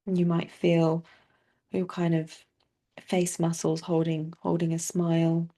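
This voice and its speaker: A woman leads a body scan meditation as a teacher, her lowish voice completely flat in delivery. She speaks softly and soothingly and leaves long, unhurried gaps between phrases.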